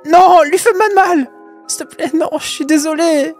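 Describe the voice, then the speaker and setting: Brief: a man doing a shrill, frantic young woman, high and swooping, faint music under it. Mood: pleading. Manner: shrill, pleading, quick to yell. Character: frantic, manipulative young woman pleading and raging.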